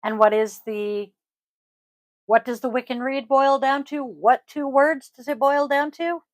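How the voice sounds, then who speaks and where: A woman's voice: high-pitched, a little slow, no echo. A middle-aged woman hosting a podcast in casual chat, chatty, laughing often and swearing casually. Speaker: podcast host, yoga teacher.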